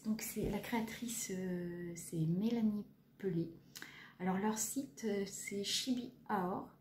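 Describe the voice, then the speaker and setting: This is a relaxed show-and-tell: a Frenchwoman in her thirties presents her cross-stitch projects, chatty and hesitant, self-deprecating and heavy on fillers. Her voice sits in the mid range and sounds mellow, recorded in an echoey room with faint background noise.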